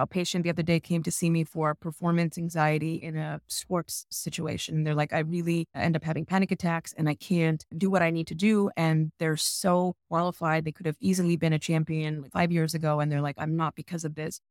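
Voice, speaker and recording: A woman's voice: sits low, darkish tone, no room sound, studio quality. A woman, a psychologist guest on a podcast, explaining her approach earnestly and telling stories about her patients. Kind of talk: conversational podcast interview.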